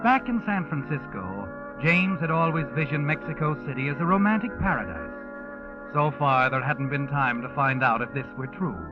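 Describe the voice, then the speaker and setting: A man playing a mysterious, ominous storyteller in a 1940s radio mystery, theatrical, foreboding and measured. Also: fairly high pitch, expressive, natural voice. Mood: brooding. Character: mysterious, ominous male storyteller who walks by night. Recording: muffled old radio recording. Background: music.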